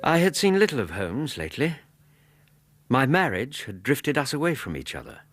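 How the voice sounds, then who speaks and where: An actor playing a reflective, loyal English gentleman doctor, narrating a radio drama in a measured, literary manner. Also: music in the background. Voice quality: husky, low. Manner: measured, expressive, literary phrasing.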